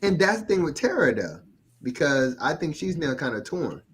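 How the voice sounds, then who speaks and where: A man chatting casually on a podcast, animated and swearing freely. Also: a little high, normal speed, background noise. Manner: animated, swearing, acts out quotes.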